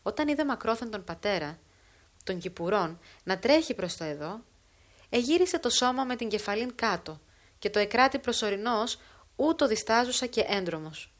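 A woman narrating an old literary tale in a measured, solemn audiobook reading. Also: medium pitch, animated.

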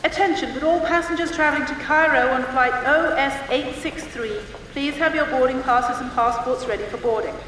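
Lady doing airport announcements, high voice, big echoey far-off sound. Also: moderate pace, hardly any pauses, a bit bright, slight background noise. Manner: clear, formal announcing. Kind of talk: scripted listening exercise. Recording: echoey public-address sound from a distance.

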